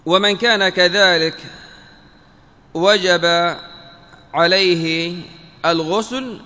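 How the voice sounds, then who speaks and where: A man with a rather high, bright and clear voice delivers a classical text commentary lesson. He speaks in measured, deliberate phrases, one piece at a time. The sound rings with a long hall reverb. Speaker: religious teacher.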